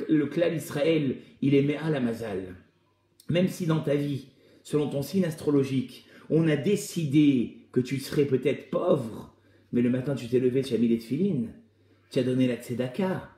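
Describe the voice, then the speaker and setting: A man gives an online Torah class in a lively way, talking straight to his listeners and now and then acting out the voices of people he quotes. His voice sits fairly high for a man. The sound carries a noticeable room echo. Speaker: Torah teacher.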